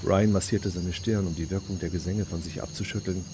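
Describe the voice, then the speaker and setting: A man narrating a science fiction story in a measured, dramatic way. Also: deep voice, steady tone, background noise. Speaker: audiobook narrator. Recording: read over loud background music.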